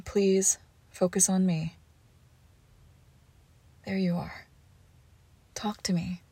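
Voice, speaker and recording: A young woman playing a devoted girlfriend who nurses her sick partner, coaxing and protective, often dropping to a hush. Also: medium pitch, no room sound, close to an everyday voice. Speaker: audio roleplay performer. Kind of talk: audio roleplay addressed to the listener.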